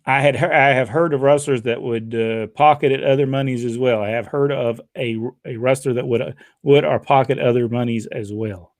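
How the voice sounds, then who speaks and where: An older man hosts a casual talk-show podcast, reading out viewer questions and telling folksy stories full of "uh" fillers as he chats. His mid-range voice is steady, at normal speed with few pauses, in clean studio sound with no room echo.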